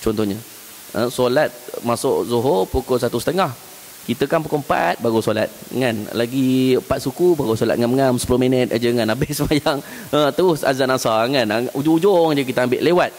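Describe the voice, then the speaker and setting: Malaysian Malay male preacher, mid pitch, storytelling lecture style, voice jumps up to stress points; faint hiss in a reverberant mosque hall. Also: fairly quick. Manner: storytelling, acts out everyday scenes with chuckles; voice rises sharply when driving a point home. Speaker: religious teacher.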